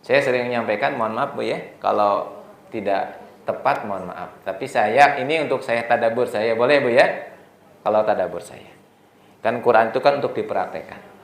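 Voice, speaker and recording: A man's voice: mid-range voice, moderate pace, vocal fry, reverberant. A man preaching to a gathering of mothers. He keeps asking the audience questions and answers them himself. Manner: acts out tearful prayers in a soft, hushed voice. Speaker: preacher at a mothers' study circle. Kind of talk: religious lecture to women.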